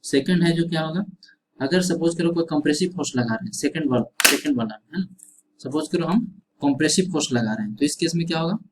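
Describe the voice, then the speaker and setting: A man lecturing on engineering, with a voice a little higher than most. He asks the class a question, then answers it and says it again, and he checks in often with "है ना". He, and there is a faint hiss behind him. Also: fast. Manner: repeats questions and answers, frequent tag "है ना". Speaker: engineering teacher.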